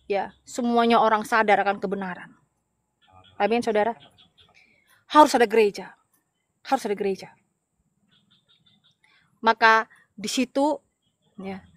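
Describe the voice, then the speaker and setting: High, bright-voiced emphatic woman evangelist. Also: dry recording, studio quality. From Madura, Indonesia. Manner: emphatic, repeats her points. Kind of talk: casual livestream talk to viewers.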